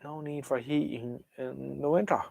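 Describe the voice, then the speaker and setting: A man's voice: medium pitch, steady tone, normal speed, vocal fry, darkish tone, no room sound. An Irish man chatting casually as a livestream host, hesitant and opinionated, trailing off and jumping between thoughts. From Ireland. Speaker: livestream host chatting with viewers about vintage radios. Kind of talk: casual, rambling live chat.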